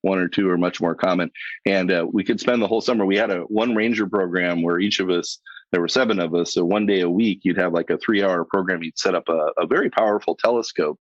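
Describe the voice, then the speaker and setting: A middle-aged man, a podcast guest, telling lively anecdotes in conversation and laughing as he goes. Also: sits low, quick pace, no echo. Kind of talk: storytelling in a podcast interview. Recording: dull lo-fi sound, dry.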